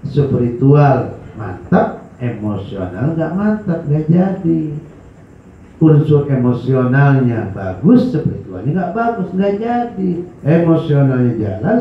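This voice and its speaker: A man preaching at a religious study session, animated, swinging between loud cries and low mutters. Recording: echoey hall, dull lo-fi sound, faint hiss.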